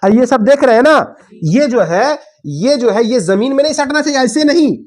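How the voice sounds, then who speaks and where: A woman giving a patient religious lesson, showing each step as she goes. She keeps asking her listeners to repeat after her. She stretches the Arabic prayer phrases into long, slow recitations. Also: high-pitched, animated, darkish tone. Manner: moves through prayer postures while talking. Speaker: religious teacher. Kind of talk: prayer instruction with demonstration.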